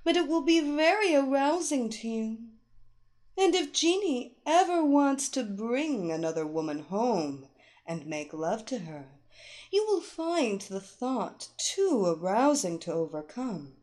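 Woman doing a commanding hypnotist woman, slow firm commands, lively pitch, storybook reading.

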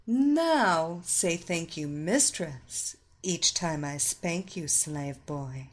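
Brief: a commanding female hypnotist, put on by a woman reader, slow and lilting. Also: sits low, animated, a little hiss or hum, full character voice. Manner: slow, soft, domineering commands.

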